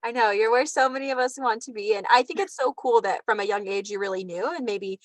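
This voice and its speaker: An American woman who talks quickly and brightly as she hosts a relaxed conversation. Her voice sits fairly high and sounds dry and close, and she asks curious, bubbly questions. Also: no room sound. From United States. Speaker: host. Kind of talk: casual interview chat.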